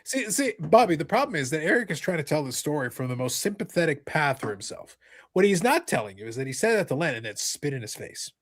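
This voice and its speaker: High-voiced, animated man trading banter. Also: fast talker. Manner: theatrical mock threats, repeats phrases for emphasis. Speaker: hobby talk show panelist. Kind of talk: casual teasing banter.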